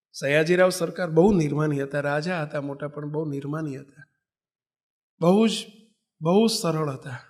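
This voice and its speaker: A man from Gujarat giving a storytelling sermon, animatedly acting out the figures in a parable. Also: on the high side. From Gujarat, India. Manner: animated, voices characters in a parable. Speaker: preacher.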